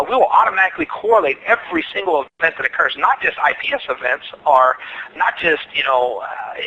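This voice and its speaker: A man's voice: a little high, pushed and bright, lo-fi sound, slight background noise. A man, a security engineer, giving long, rambling technical answers during a webinar question session.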